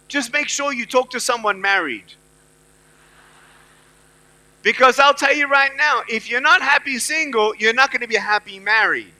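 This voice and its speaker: A man's voice: very high voice, pushed and bright, rough recording. A middle-aged man giving a motivational speech to students at a university event. He talks emphatically and repeats his key phrases. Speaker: motivational speaker.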